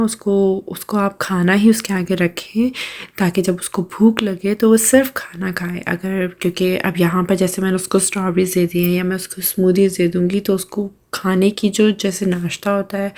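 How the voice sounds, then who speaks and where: A vlogger in her thirties with a Pakistani Urdu accent narrates her daily routine in a casual voice-over, hoarse from a cold, hesitating and clearing her throat. Her voice is fairly low-pitched and mellow.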